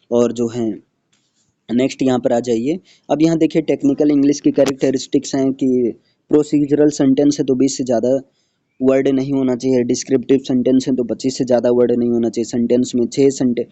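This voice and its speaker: A male teacher walks through his slides in a lecture, going over each definition twice and checking in with "clear hai?" again and again. His voice is dark and mellow, and he slows down to spell out the English terms. The recording is dry and a little dull. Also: medium pitch, no echo.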